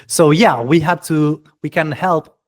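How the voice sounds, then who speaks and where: A keen, chatty man presents at an informal meetup, hosting in English with non-native phrasing. He has a fairly high voice and keeps a measured pace.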